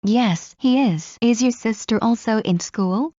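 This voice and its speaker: A woman reading scripted English practice dialogues in a slow, clear drill delivery. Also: fairly high pitch, mellow, no room sound. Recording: muffled lo-fi recording.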